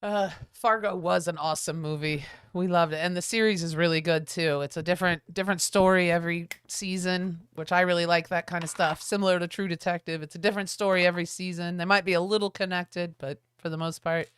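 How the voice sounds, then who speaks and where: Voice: mid-range voice, fairly even intonation, brisk, hardly any pauses, fairly bright tone, clear, resonant tone. A co-host in a casual livestream chat, easygoing and reading viewer comments aloud.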